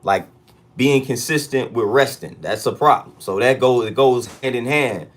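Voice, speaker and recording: A man's voice: medium pitch, moderate pace. An American man hosting a casual livestream check-in, talking in street slang and repeating hype catchphrases. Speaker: livestream host.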